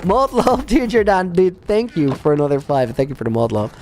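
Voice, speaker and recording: A man's voice: sits high, sing-song, a little fast, darkish tone, slight background noise. A man streaming a game, chatting casually with viewers, rambling and laughing often while reading out names. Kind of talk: casual livestream chat while playing a game.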